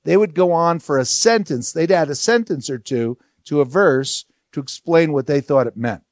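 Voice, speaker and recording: A man's voice: fairly high pitch, moderate pace, no room sound, studio quality. A man teaching a Bible study verse by verse, explaining in a conversational way and asking rhetorical questions.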